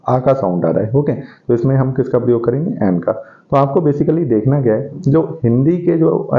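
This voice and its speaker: A man teaching an English grammar lesson, explaining step by step and asking questions that he answers himself. He reads the English example sentences slowly. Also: mid-range voice. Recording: dull lo-fi recording.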